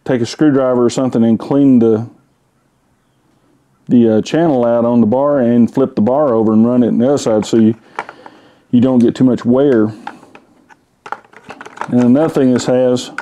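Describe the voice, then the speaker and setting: A man's voice: medium pitch, fairly even intonation, normal speed, pauses often, mellow, slight background noise. A man, casually reviewing a chainsaw in his home garage, talking in a folksy, rambling way with fillers. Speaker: tool reviewer. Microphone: camera-mounted mic.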